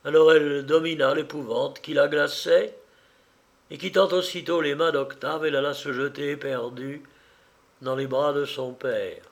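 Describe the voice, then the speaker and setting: A man narrating a novel as an audiobook, in a measured, dramatic reading. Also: fairly high pitch, fairly even intonation, gravelly.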